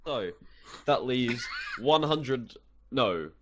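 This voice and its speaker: A man's voice: mid-range voice, expressive, very slow, fairly bright tone, slight background noise. A young man hosting a casual podcast awards show, announcing results in a conversational way.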